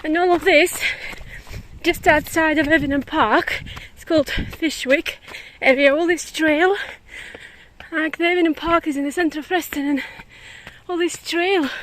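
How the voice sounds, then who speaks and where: A woman with a very high voice chats casually to her vlog outdoors. She takes her time with her words, and there is light ambient noise around her. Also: fairly even intonation, a little slow, a bit bright. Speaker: vlogger. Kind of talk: casual chat. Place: outdoors on a nature trail.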